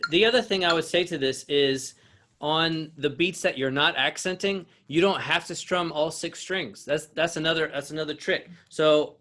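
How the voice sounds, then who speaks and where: A man's voice: a little high, moderate pace, pushed and bright. A man teaching an online acoustic guitar lesson, explaining with restarts and fillers and counting beats aloud while he plays. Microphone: video call.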